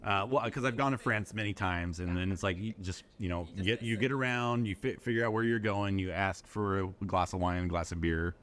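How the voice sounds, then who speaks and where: A man's voice: sits low, fairly quick, hardly any pauses, fairly bright tone. A man talking casually as a podcast guest, joking and playful, tossing in bits of German and fake French. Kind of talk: casual chat.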